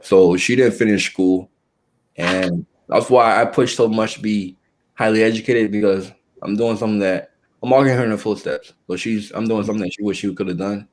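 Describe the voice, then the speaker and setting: A young man with a fairly low voice is the guest in a relaxed, conversational interview. He speaks haltingly, with lots of fillers and restarts, working out what he means as he goes.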